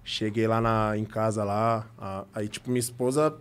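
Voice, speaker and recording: A man's voice: on the low side, fairly even intonation, moderate pace, clear, resonant tone. A young Brazilian man, a podcast guest, telling an emotional personal story in casual talk and acting out the dialogue.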